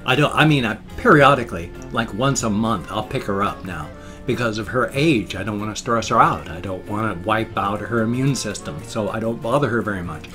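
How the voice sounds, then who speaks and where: A man's voice: lowish voice, expressive, brisk, pushed and bright, faint music behind. A man chatting casually and ramblingly to a webcam at home, slightly slurring his words around loose, ill-fitting dentures. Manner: rambling, repeats and rephrases himself. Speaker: vlogger showing pet hamsters. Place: indoors, a room at home. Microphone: webcam setup.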